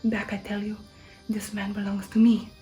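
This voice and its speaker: A woman's voice: medium pitch, completely flat delivery, normal speed, mellow, lightly acted. A woman voicing an imperious, menacing male vampire count in a storybook reading, hissed and half-whispered. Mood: furious, possessive. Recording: music under the voice.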